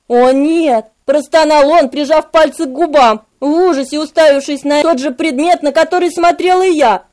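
A woman narrating a novel in the first person. Her voice is high and her reading is dramatic and vivid, with scripted, steady storytelling. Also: normal speed. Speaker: audiobook narrator.

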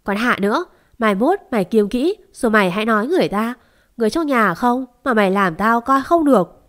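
A woman voicing a scolding older aunt of the household, brisk and sharp. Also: fairly high pitch, animated, natural voice.

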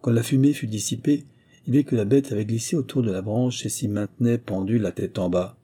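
A man reading a nineteenth-century short story aloud in a measured storytelling manner. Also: lowish voice, steady tone, warm tone, breathy edge. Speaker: audiobook reader. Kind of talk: scripted literary narration.

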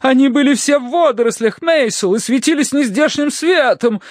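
A man's voice: extremely high pitch, very animated, no room sound, clean studio sound, pitched above the performer's own voice, full character voice. A man voicing a fluttery, melodramatic middle-aged society lady who draws out her words theatrically, read as an audiobook character. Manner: fluttery, theatrical, drawn-out sighs.

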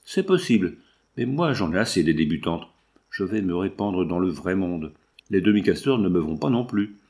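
A man's voice: lowish voice, darkish tone. A man reading aloud in the part of a jilted young man who grumbles and sulks. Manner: grumbling, vexed. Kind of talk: audiobook reading.

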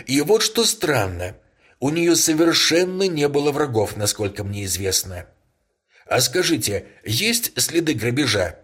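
A man's voice: mid-range voice, a bit bright, husky, pitched above the performer's own voice, full character voice. A man voicing an agitated middle-aged male solicitor who exclaims in shock and fusses nervously. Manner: shaken, exclaiming, fussy.

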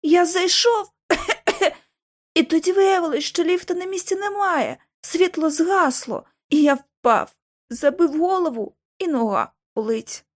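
A woman reading the part of a frail, injured teenage boy who tells his story slowly and in a shaken way. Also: very high voice, pitched above the performer's own voice. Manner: slow, shaken, complaining.

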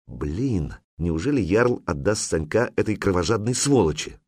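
A male narrator voicing the hushed, tense inner thoughts of a frightened young man. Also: sits low, very animated, normal speed, breathy edge, dry recording, studio quality, exaggerated voice. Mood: bitter.

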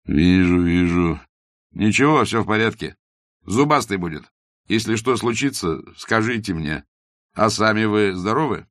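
A man's voice: lowish voice, lively intonation, normal speed, fairly bright tone, dry recording, clean studio sound, pitched above the performer's own voice. A man voicing a blunt young doctor who is curt, ironic and matter-of-fact in an audiobook. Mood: wry. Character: blunt young male doctor, mocking and self-assured.

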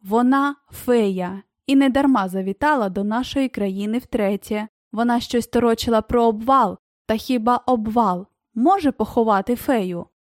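A woman voicing a sly, heavyset male traitor in an audiobook reading, his speech wheedling and shrill. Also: normal speed, no room sound, studio quality, lightly acted. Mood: scheming.

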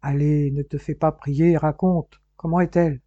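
A woman's voice: deep voice, fairly even intonation, normal speed, dark tone, dry recording. A woman reading the part of a playful young man teasing his brother with pushy questions. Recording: dull, muffled dry recording.

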